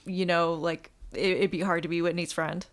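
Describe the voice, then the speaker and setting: This woman co-hosts a chatty podcast. Her voice sits a bit low and sounds smooth and resonant. She wanders through her thoughts with lots of fillers and trailing sentences. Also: flat delivery, normal speed. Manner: filler-heavy, trailing, gossipy. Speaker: podcast co-host. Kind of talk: casual chat.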